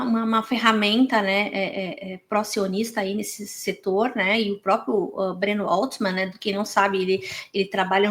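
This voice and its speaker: A Brazilian woman with a Brazilian Portuguese accent hosting a reaction channel, commenting on a podcast clip in an indignant, heated way with many restarts and fillers. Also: medium pitch.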